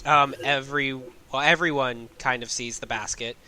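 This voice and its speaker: A man's voice: medium pitch, steady tone, normal speed, pushed and bright, slight background noise. A man narrating as game master of a tabletop game, casual, often laughing and correcting himself mid-sentence.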